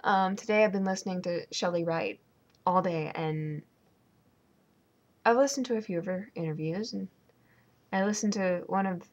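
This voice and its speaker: A woman's voice: on the low side, normal speed, pauses often, highs cut off. Young adult woman, home vlogger; sarcastic, rambling, ranty casual delivery. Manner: ranting, sarcastic, rambling with many ums. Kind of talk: casual vlog chat.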